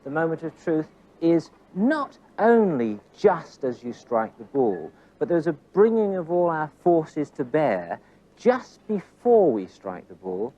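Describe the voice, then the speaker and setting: Male tennis coach, animated up-and-down delivery, coaxing questions, dull lo-fi TV sound. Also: fairly high pitch, slow. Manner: counts rally hits aloud. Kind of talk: on-court teaching demonstration. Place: tennis court. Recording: dull lo-fi old TV recording.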